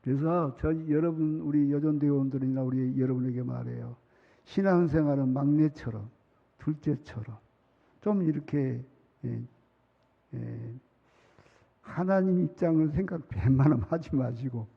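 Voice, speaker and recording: Speaking at a moderate pace in a gravelly, medium-pitched voice, a middle-aged pastor delivers a conversational sermon in a big church sanctuary. He laughs a lot and performs children's pleas. Sound is muffled and echoes through the hall.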